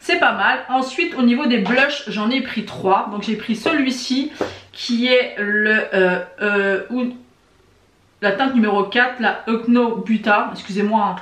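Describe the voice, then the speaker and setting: A woman vlogger talking her viewers through a makeup test in a relaxed, chatty way. She hesitates often and then carries on at an everyday middle pitch. Her voice rings a little in an echoey room on the camera mic. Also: a little hiss or hum. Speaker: beauty vlogger. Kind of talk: casual makeup tutorial chat.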